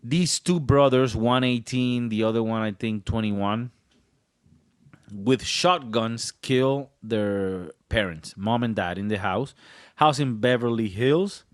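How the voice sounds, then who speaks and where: A man's voice: mid-range voice, no echo, studio quality. A man in his thirties hosting a comedy podcast, rambling playfully and hamming up his delivery. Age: 30s. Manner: playful, rambling, hams up voices. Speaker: podcast host. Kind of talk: joking comedy podcast chat.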